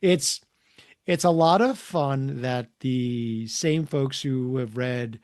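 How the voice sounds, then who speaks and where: Speaking slowly at a medium pitch, this middle-aged man is a guest on an interview, where he writes comics and children's books. His storytelling is relaxed yet lively, and he tends to perform the dialogue himself.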